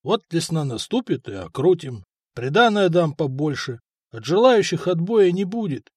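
A man's voice: fairly high pitch, sing-song, moderate pace, slightly rough, dry recording, studio quality. A man voicing a blustering but timid middle-aged chieftain who bickers with his wife.

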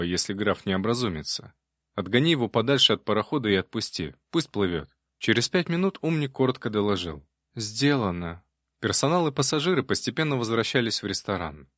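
A man's voice: mid-range voice, no room sound, studio quality. A man reading a first-person audiobook in a wry, conversational storytelling manner. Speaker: audiobook narrator.

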